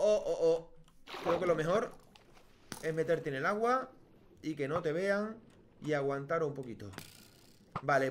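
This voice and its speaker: Spanish man, gaming commentary, chatty and self-talking, higher voice, faint keyboard clicks. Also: a little hiss or hum. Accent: Spanish from Spain. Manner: chatty, talks to himself and viewers, bursts into high yelps at deaths. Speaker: gaming YouTuber. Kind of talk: casual Let's Play commentary.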